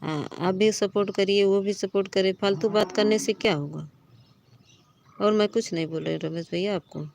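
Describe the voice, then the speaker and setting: A woman hosts a live stream and talks straight to her chat at an ordinary middle pitch. She keeps pleading and reassuring, then turns to scolding commenters who argue. A faint hum of room ambience sits under her voice. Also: normal speed, vocal fry, darkish tone.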